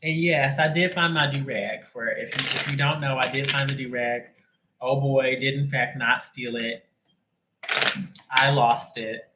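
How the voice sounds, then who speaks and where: This male tarot reader chats with his livestream audience ahead of a reading, calling out viewers by name between playful asides. His medium-pitched voice stays fairly even and a little slow, and the audio is very noisy.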